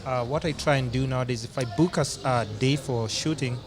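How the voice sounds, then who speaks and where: A man's voice: medium pitch, steady tone, a little fast, over music. A man hosting a casual podcast conversation. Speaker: podcast host. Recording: busy chatter and urban bustle behind.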